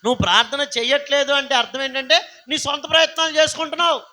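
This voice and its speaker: A man's voice: extremely high pitch, fairly even intonation, fast, bright, forceful tone, poor audio. A man pastor preaching a live sermon, singing refrains and calling out questions to the congregation. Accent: Telugu.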